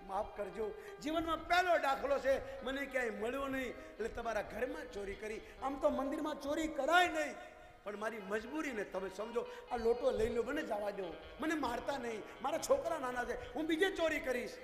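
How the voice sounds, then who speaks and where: A man's voice: extremely high pitch, lively intonation, moderate pace. A man playing a frightened pleading thief. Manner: begging, hushed and tearful. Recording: echoey hall, faint music.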